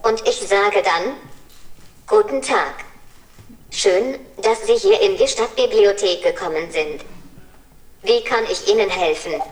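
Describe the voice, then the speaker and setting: A woman's voice: mid-range voice, slow, pauses often. Chirpy cheerful robot, synthetic female voice, polite library guide, roomy echo, off-mic. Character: cheerful friendly humanoid robot with a woman's voice. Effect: synthetic text-to-speech voice. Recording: echoey room, voice from a distance.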